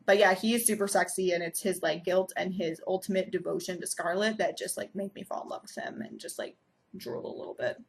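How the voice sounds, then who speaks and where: A woman's voice: medium pitch, a bit bright. Gushing young woman chatting about books. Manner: gushing, enthusiastic, many ums and likes. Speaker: book vlogger. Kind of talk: casual book chat to camera.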